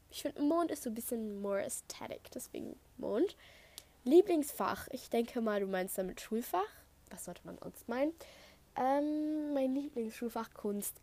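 A thirteen-year-old girl from Saxony hosts her own chatty podcast, answering listener questions one after another. Her voice sits fairly high, and she rambles, trails off and fills gaps with hesitations. She records at home on a simple headset mic. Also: mellow. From Saxony, Germany. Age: teenager, thirteen and a half. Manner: chatty, rambling, wanders off topic with many fillers. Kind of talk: casual chat podcast. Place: at home, construction noise outside. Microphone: Apple headset.

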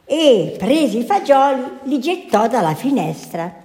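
A woman's voice: on the high side, sing-song, dark tone. A woman, a nun, reading a fairy tale aloud in a storytelling manner. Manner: slow, lilting storytelling. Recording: echoey hall.

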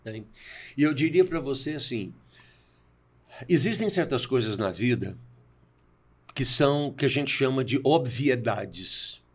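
A man's voice: mid-range voice, lively intonation, unhurried, pauses often, husky. A man in his sixties from Brazil speaks as a podcast guest with a mid-range voice. He tells personal stories in a reflective way and acts out the voices in the conversations he recalls. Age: 60s. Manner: reflective, acts out quoted dialogue. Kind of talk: storytelling in a conversation.

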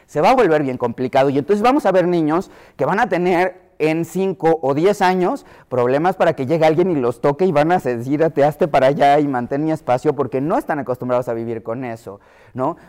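A man's voice: fairly high pitch, animated, fairly quick, a little mellow. A middle-aged man with a Mexico City Spanish accent giving an explanatory lecture to pediatricians, often acting out voices he quotes.

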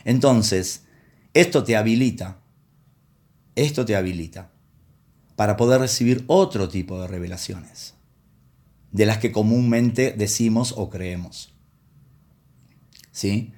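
A man's voice: lowish voice, slow, long pauses, darkish tone. A man preaching a sermon in a conversational way, telling anecdotes from his work as a counselor and acting out the voices he quotes. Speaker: pastor and counselor.

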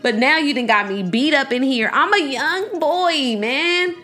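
A woman's voice: high voice, expressive, unhurried, sharp tone, exaggerated voice. A woman voicing a frightened sixteen-year-old boy in jail, stammering and pleading to be left alone. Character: scared sixteen-year-old boy jailed among adults.

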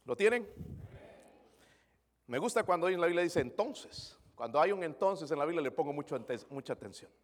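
High-voiced preacher in an echoing hall. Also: male voice, animated, moderate pace. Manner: preaching with rhetorical questions to the congregation; mixes English words into his Spanish. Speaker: pastor. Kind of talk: sermon.

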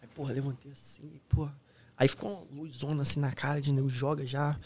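A man with a Brazilian accent, a podcast guest telling a story in a slangy, animated, casual way in a studio. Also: medium pitch, quick pace, slightly rough. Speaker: guest, former U.S. Army soldier.

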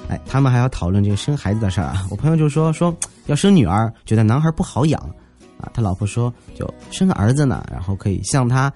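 A man's voice: medium pitch, expressive, quick pace, dark tone, faint music behind. A man hosting a podcast, telling funny everyday stories in a chatty, jokey way and acting out the quotes. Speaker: podcast host. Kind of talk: comic storytelling podcast.

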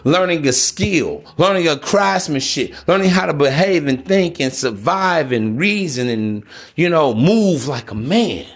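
A man's voice: a little high, a bit bright. A man in his thirties hosting a podcast, talking casually and giving blunt, profane lectures. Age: 30s. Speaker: podcast host.

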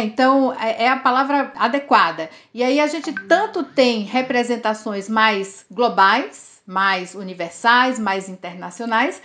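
A woman's voice: a little high, a bit bright. A woman from in Brazil's Northeast, a linguistics professor explaining things as a podcast guest, often tagging her sentences with questions. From Campina Grande, Paraíba, Northeast Brazil. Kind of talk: podcast interview.

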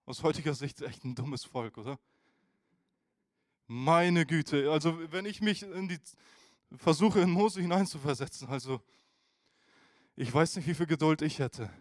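A man preaching a casual youth sermon, informal and animated, who speaks straight to his listeners. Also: on the high side, measured pace, pauses often, no echo, clean studio sound.

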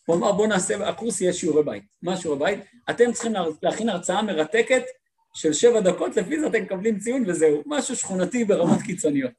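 Man teaching a religious class, high voice, animated storyteller, acts out quotes. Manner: lively storytelling, acts out quoted speakers, repeats words for emphasis. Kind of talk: Torah lesson with stories.

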